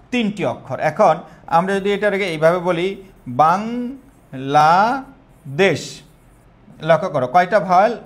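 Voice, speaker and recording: Higher-voiced Bangladeshi man teaching online. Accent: Bangladeshi Bengali. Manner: repeats questions, quizzes students. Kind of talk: live online exam-prep lesson.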